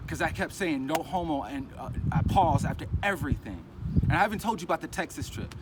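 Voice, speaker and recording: A man in a casual vlog, telling a personal story in a rambling, animated way and acting out other people's lines. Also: on the high side, a little fast. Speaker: crypto vlogger. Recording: outdoor street noise, passing traffic. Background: traffic noise.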